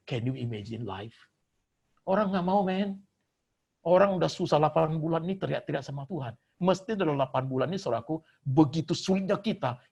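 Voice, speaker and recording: An older man, a pastor, preaching a sermon. His talk swings between loud, emphatic exhortation and soft, low asides, with English phrases mixed in. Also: creaky, slightly rough.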